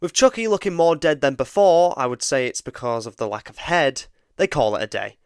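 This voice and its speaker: A man's voice: fairly high pitch, lively intonation, brisk, clear, resonant tone, no echo, studio quality. A man giving a casual, jokey, sweary comedic film recap as host. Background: music.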